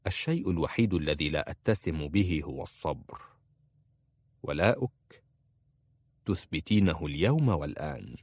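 Brief: male narrator as a commanding, ambitious emir, slow and firm, dry close sound. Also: a bass voice, expressive, darkish tone, no echo, heavily acted.

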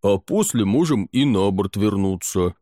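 A man voicing a burly, gruff warrior who boasts and grumbles. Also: fairly low pitch, animated, measured pace, dark tone. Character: burly bass-voiced male warrior.

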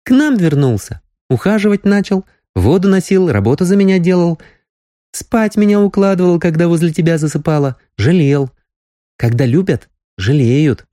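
A man's voice: a little high, lively intonation, moderate pace, mellow, dry recording, studio quality, pitched above the performer's own voice, lightly acted. A teasing, lovestruck young village woman, as a man reads her. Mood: earnest, teasing. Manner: pleading, playful, raised girlish voice.

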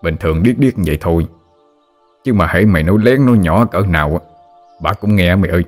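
A man's voice: low voice, fast talker, darkish tone, faint music behind. A man with a Southern Vietnamese accent voicing a grumbling old rural father who nags his son to marry. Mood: scolding. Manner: scolding, teasing.

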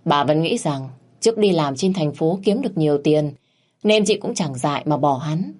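Low-voiced woman storyteller. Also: expressive, moderate pace, a little mellow. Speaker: narrator. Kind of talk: storytelling narration.

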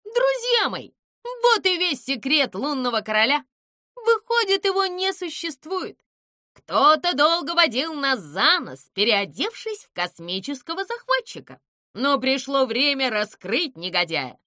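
A woman voicing a clever, self-assured male cat who explains things in a measured, pleased way. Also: sits high, very animated, sharp tone, dry recording, clean studio sound, pitched above the performer's own voice, full character voice. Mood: calm, knowing.

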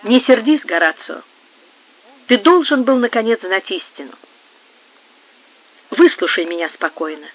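A man's voice: high voice, big pitch swings, measured pace, pauses often, heavily acted. A man reading a young woman who pleads tearfully with a rejected lover, heard through a narrow phone-like sound. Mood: pleading. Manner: pleading, emotional.

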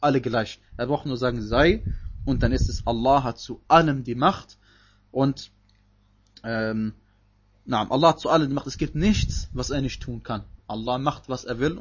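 A man's voice: mid-range voice, husky, highs cut off. A man teaching a Quran commentary lesson, explaining emphatically and reciting Arabic verses between his points.

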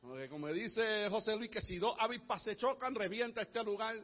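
A male preacher delivers a sermon in church, his voice sitting very high. He swings from hushed retelling to fervent, shouted declarations. The livestream audio is dull and muffled. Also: normal speed. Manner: builds from low murmur to impassioned shouting.

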